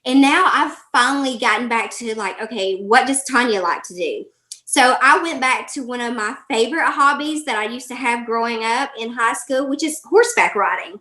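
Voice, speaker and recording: A woman's voice: on the high side, expressive, normal speed, bright, forceful tone. A middle-aged woman from Alabama with a Southern US accent, chatting casually and giving folksy advice as an interview guest. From Alabama, United States. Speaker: interview guest, life coach. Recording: roomy, echoey sound.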